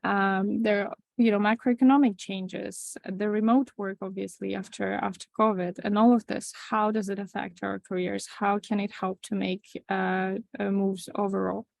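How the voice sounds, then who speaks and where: Latvian-born woman presenter, gravelly and dry, chatty and halting. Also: medium pitch, level tone, a little mellow, dry recording. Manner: conversational, with frequent restarts and fillers. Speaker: webinar facilitator. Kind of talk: online presentation. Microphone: video call.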